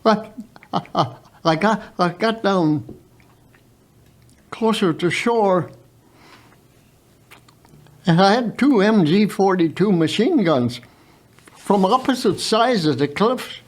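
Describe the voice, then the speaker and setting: A very old man of about a hundred telling his own story unscripted as a veteran guest, haltingly, with repeated words and stammered starts. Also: sits high, animated. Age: very old, around 100.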